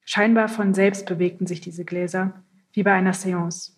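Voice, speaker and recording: A woman narrating a literary audiobook in the first person, reading in a calm, measured way. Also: fairly low pitch.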